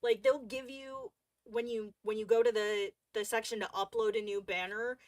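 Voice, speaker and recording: A woman's voice: fairly high pitch, expressive, moderate pace, gravelly, no echo. A woman hosting a coloring livestream, chatting casually and rambling with lots of fillers and restarts.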